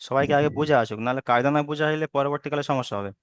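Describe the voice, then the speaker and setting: A man's voice: medium pitch, racing, clear, resonant tone, no echo. A man teaching Quran recitation rules online, patiently repeating each rule and checking that students understand. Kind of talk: online tajweed lesson.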